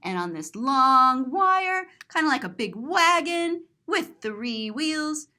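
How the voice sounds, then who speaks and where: Taking it slowly, a teacher reads a picture book to children, her high voice very animated and sharp in tone. She expressively and playfully walks them through what each picture shows.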